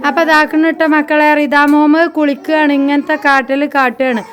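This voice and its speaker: Chatty high-voiced woman vlogging at home. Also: little pitch movement, a little fast, a bit bright. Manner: chatty, addresses viewers directly. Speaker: family vlogger. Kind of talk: casual home vlog.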